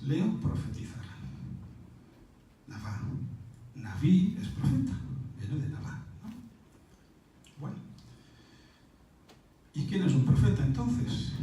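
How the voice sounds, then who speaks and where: A man's voice: medium pitch, dark tone. A man giving a spoken lecture on scripture to an audience, explaining step by step, repeating key words and asking rhetorical questions. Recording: roomy echo from a distant mic.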